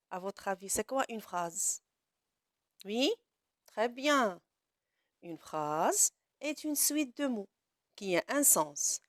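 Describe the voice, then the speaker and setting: A woman gives a classroom grammar lesson at a very slow, deliberate pace, in a fairly high voice. She asks her pupils questions and then answers them herself. The sound is dry and close, with no room echo. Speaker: teacher.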